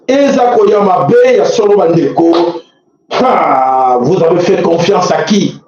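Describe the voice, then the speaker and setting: A man's voice: high voice, darkish tone. A man with a Congolese French accent, giving fiery, preachy political commentary with mocking exclamations. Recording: very echoey, dull lo-fi sound.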